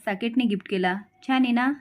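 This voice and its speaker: A woman's voice: a little high, a little fast, pitched above the performer's own voice, lightly acted. A woman voicing a sweet, earnest young sister who talks eagerly. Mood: cheerful.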